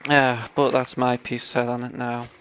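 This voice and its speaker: A man's voice: mid-range voice, little pitch movement, moderate pace, fairly bright tone, slight background noise. A man co-hosting a casual gaming chat show, ranting sarcastically and getting worked up about his topic. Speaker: podcast co-host.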